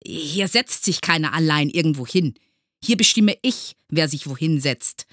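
A woman's voice: mid-range voice, lively intonation, a little slow, fairly bright tone, dry recording, clean studio sound, voice pushed up. A woman voicing a strict male schoolteacher who barks harsh commands in a storybook reading. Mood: stern. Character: strict shouting male schoolteacher, stern and bossy.

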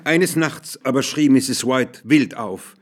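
Slow, measured male storyteller. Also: mid-range voice. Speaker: narrator. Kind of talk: storybook reading.

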